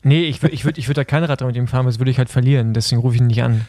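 A man chatting casually as a podcast co-host, loose and conversational with plenty of fillers. His voice sits at an ordinary middle pitch. The sound is dry and close, with no room around it. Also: fairly even intonation, very fast, dark tone, no room sound. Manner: conversational, hesitant fillers, leads segments. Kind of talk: casual chat about cycling.

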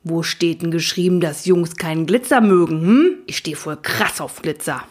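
A woman voicing a cocky male unicorn who talks in teen slang and claims a deep crooner's bass. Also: expressive, slow pace, a little mellow, heavily acted. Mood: indignant. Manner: slangy, swaggering.

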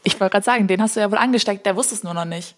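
A woman talks at a middle female pitch in casual podcast conversation. As a co-host she is teasing and dryly ironic. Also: racing.

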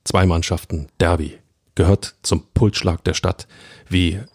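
A man's voice: deep voice, fairly even intonation, unhurried, darkish tone, slightly rough, no echo, studio quality. A man chatting casually about football as a pundit on a podcast, emphatic and colloquial, speaking straight to his listeners. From Berlin.

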